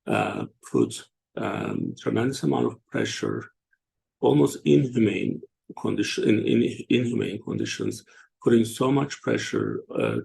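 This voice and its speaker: A man from Turkey, hosting a casual online discussion and talking haltingly with many fillers and restarts. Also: fairly low pitch, wildly swooping pitch, darkish tone. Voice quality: gravelly, husky. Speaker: show host.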